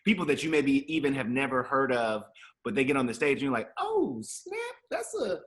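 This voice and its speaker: Man, bright tone, enthusiastic interviewer, quick reactions, casual questions. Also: mid-range voice, sing-song. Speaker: entertainment show host.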